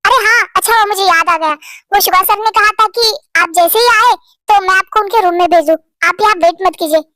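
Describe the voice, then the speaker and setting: A woman's voice: very high-pitched, a little fast, pushed and bright, no room sound. A woman voicing a kind, motherly middle-aged auntie. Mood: friendly.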